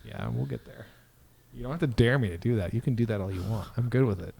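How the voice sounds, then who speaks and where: Gravelly male podcast co-host. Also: on the low side, quick pace, warm tone. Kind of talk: casual chat.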